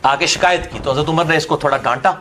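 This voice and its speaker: Punjabi-accented male preacher, high-pitched, combative and mocking, fires questions at his listener. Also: fairly bright tone, a little hiss or hum. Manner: combative, mocking, drifts between Urdu and Punjabi. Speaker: religious speaker. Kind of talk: polemical religious lecture.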